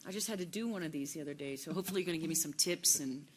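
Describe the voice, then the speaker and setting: A woman's voice: sits low, rapid-fire, noisy background. A woman moderating a conference session, informally introducing the next speaker.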